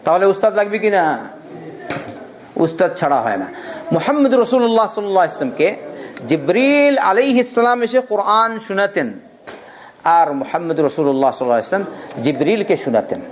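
A man with a high-pitched voice delivering a sermon on Quran commentary. He chants Arabic verses slowly, then explains them and presses his listeners with rhetorical questions. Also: big pitch swings. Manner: asks the audience rhetorical questions. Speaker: Quran teacher giving tafsir.

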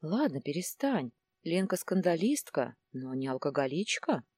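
Woman reading calm doubting friend, low husky voice, dry sound. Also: moderate pace, no echo, heavily acted.

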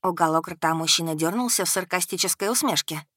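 A woman narrating a first-person audiobook in an expressive, steady storytelling manner. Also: lowish voice, fast talker, husky, no room sound, studio quality.

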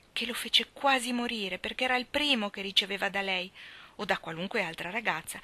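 A woman reading a novel aloud in a measured, expressive way that turns soft on the narration. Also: mid-range voice. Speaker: reader.

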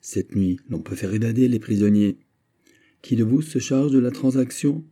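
A grave, commanding nobleman plotting in hushed urgency, as a male audiobook reader puts him on. The voice sits higher than the reader's own and carries a dark, mellow tone. Every word sounds weighed and ominous. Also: normal speed, close to an everyday voice. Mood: urgent, grave. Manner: low, urgent, ominous delivery. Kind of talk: audiobook character reading.

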